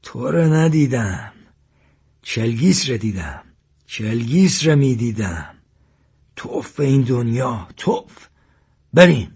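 Man doing a weary, gruff older villager. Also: mid-range voice, very animated, pauses often, a little mellow, heavily acted. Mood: weary calm.

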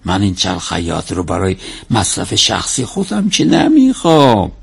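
A man's voice: deep voice, huge pitch swings, creaky, husky, heavily acted. An actor playing a devout, kindly man who pleads in a familiar drama-dialogue way, full of blessings. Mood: earnest, coaxing. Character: devout, kindly, persuasive errand man helping charity.

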